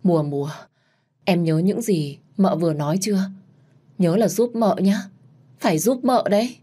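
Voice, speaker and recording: A woman voicing the spirit of a gentle dead woman, who speaks in a pleading, tearful way. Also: lowish voice, animated, moderate pace, slightly rough.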